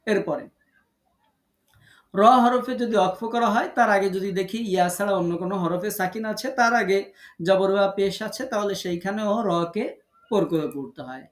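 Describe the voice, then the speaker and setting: A man teaching Quran recitation rules in an online lesson, patiently repeating each rule and drawing out example words slowly. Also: high-pitched. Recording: echoey room.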